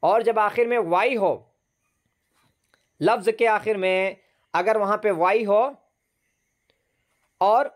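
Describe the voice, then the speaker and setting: A man's voice: high voice, steady tone, slow pace, pauses often. A man teaching an online English grammar class over a video call, patiently repeating words and spelling them out letter by letter.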